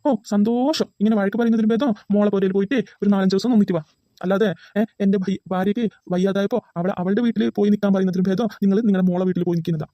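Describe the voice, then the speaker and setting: A woman voicing a fast-talking, pleading cartoon son. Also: medium pitch, fairly even intonation, warm tone, no echo, clean studio sound, lightly acted. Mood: arguing. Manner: rapid, pleading argument. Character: adult son, earnest and pleading, defends sick wife. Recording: dull lo-fi recording.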